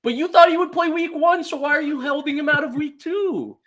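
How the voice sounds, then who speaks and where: A man's voice: very high-pitched, fairly quick, fairly bright tone. A man hosting a sports podcast in casual chat, observant and talkative, with frequent "like" fillers. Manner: chatty and observant, many fillers like "like". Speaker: podcast host.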